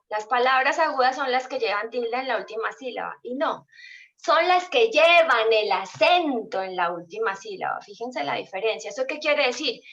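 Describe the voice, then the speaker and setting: A woman teaching an online class, explaining step by step and checking in with her students through frequent questions. Her voice sits a little high. The sound is dull and lo-fi, like a video call. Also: fairly bright tone.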